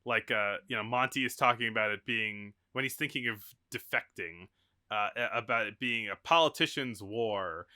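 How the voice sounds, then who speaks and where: Bright-voiced man chatting about films. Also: lowish voice, moderate pace. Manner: rambling, many restarts and fillers, laughs often. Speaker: podcast co-host. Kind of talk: casual film discussion.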